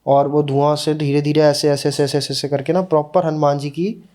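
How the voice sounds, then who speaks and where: A man's voice: on the high side, flat delivery, dark tone. A young man, a podcast guest, earnestly telling a personal story in casual conversation. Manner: earnest, emotional retelling, slows down at key moments.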